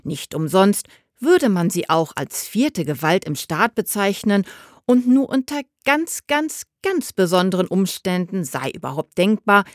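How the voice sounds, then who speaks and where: A woman narrating a novel as an audiobook in a measured, expressive way. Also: medium pitch, dry recording, studio quality. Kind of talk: scripted narration.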